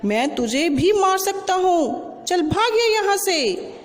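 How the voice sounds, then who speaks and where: Woman doing a male elephant, arrogant bully, blustering, high-pitched, long room reverb. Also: sing-song, slow pace, exaggerated voice. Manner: boastful, blustering.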